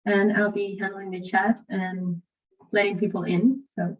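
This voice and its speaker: A woman's voice: mid-range voice, little pitch movement, unhurried. A young woman from Mexico gives a short, cheerful introduction. She sits back from her mic, and the call sound is dull and lo-fi. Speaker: master's student helper. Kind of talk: casual self-introduction. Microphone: video call. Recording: distant muffled video call audio.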